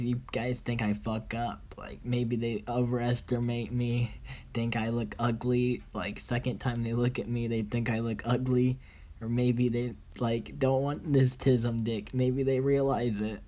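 A man's voice: mid-range voice, warm tone. Profane rambling man vlogging. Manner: profane, boastful, broken grammar, rambling. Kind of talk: rambling casual monologue to camera.

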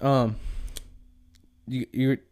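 A man's voice: medium pitch, level tone, drawn-out words, a little mellow, clear, resonant tone. A young man hosting a casual faith chat, rambling and saying "dude" a lot. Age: young adult. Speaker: podcast host.

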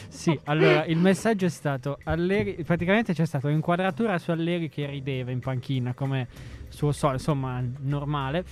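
A man talking casually about football as a panelist, in a halting way, often correcting himself mid-sentence. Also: a little high, a little mellow. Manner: halting, hedging, self-correcting.

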